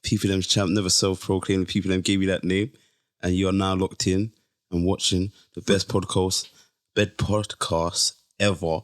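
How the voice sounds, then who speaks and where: A man's voice: deep voice, level tone, moderate pace, no echo. A man co-hosting a podcast, trading teasing jokes in casual banter. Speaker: podcast co-host.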